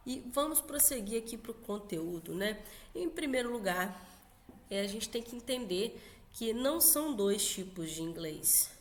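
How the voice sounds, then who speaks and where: A Brazilian woman teaching an online English lesson in a casual, chatty way, often checking in with quick tag questions. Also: mid-range voice, animated, a little hiss or hum. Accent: Brazilian Portuguese.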